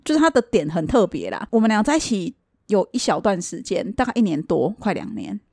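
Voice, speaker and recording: A young woman, chatting casually and telling animated stories, often laughing. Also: brisk, no room sound, clean studio sound. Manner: animated, laughing often, quoting people in a lower voice. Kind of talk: casual chat, storytelling about ex-boyfriends.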